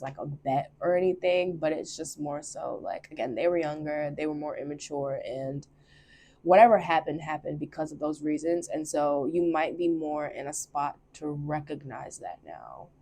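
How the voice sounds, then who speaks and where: A woman's voice: low-pitched, a little mellow. A young woman who reads tarot, talking casually and expressively and laughing often. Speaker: tarot reader. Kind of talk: casual chat.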